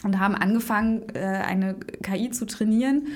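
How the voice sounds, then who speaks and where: Woman founder as interview guest, mid-pitched, quick and filler-heavy, drops English buzzwords. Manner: brisk, filler-heavy, mixes English business jargon. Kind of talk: casual interview chat.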